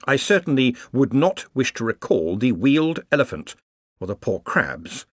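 A man voicing a grave, careful Victorian male naturalist who speaks in a slow, solemn, wooden way. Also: mid-range voice, very animated, no echo, clean studio sound, voice pushed up.

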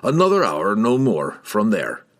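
A man voicing a gruff, stern dwarf in an audiobook, grumbling and sarcastic, with old-fashioned dialect speech. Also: on the low side, wildly swooping pitch, a little slow, fairly bright tone, exaggerated voice. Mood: curt. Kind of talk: audiobook character voice.

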